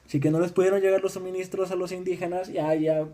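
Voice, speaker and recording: A young man from Mexico giving an informal history talk, halting with many restarts and fillers. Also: sits high, level tone, dark tone. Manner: acts out voices in dialogue.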